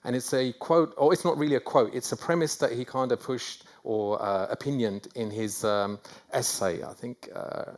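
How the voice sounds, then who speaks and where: A middle-aged man with a North London accent giving a conference talk, self-deprecating and rambling with many fillers and restarts. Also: medium pitch. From England. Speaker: conference speaker. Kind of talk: conference presentation. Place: conference hall.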